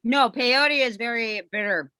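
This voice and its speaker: A woman joins a food-tasting chat as a guest, telling her stories with animation and a ready laugh. Her voice sits slightly high and rings very bright. The sound is close and dry. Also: a little slow, no echo. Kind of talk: casual chat.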